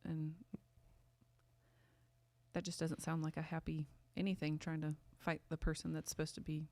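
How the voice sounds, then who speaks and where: A woman talking casually with her husband on a podcast, soft-spoken and giggly, often trailing off quietly. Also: low-pitched, monotone, moderate pace, dry recording. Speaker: pastor's wife, guest. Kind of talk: casual chat.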